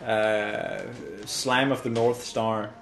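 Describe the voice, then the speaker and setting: A young man joking around with friends over a horror game, tossing in quick asides. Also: on the low side, little pitch movement, a bit bright, soft background music. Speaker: let's play co-commentator.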